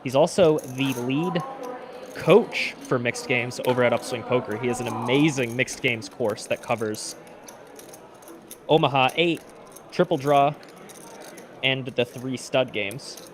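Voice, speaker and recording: A man's voice: medium pitch, measured pace, long pauses. A man giving live poker commentary as a stream commentator, explaining the play in an analytical way. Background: poker players chattering.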